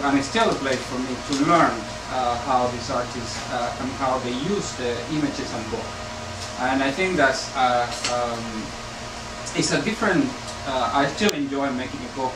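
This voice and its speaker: Halting man on a panel. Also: medium pitch. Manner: halting, many restarts and fillers. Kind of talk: panel discussion answer. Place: gallery bookshop room with audience. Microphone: far camera. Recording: echoey room from far off, loud air conditioning hum.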